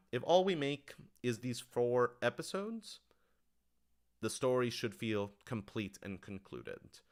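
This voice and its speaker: Answering viewers' questions live, this writer-director is casual, earnest and keen, prone to wandering off on asides. His voice is lowish and clean.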